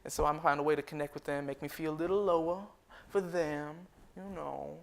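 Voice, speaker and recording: A man's voice: on the high side, fairly even intonation, a little fast, vocal fry, a little hiss or hum. A man playing a proud former slave turned barber entrepreneur, telling his story in a folksy first-person monologue with frequent chuckles. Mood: boastful. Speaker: historical reenactor.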